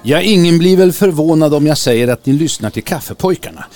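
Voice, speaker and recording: A man's voice: a little high, lively intonation, over music. A man co-hosting a casual radio chat show, opening the show and chatting in an agreeable way. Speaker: radio co-host.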